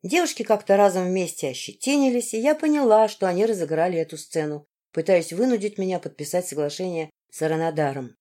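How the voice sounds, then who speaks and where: A woman's voice: mid-range voice, dark tone. A woman reading a fantasy audiobook aloud in the first person, with dramatic storytelling. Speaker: audiobook narrator. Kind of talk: expressive audiobook narration.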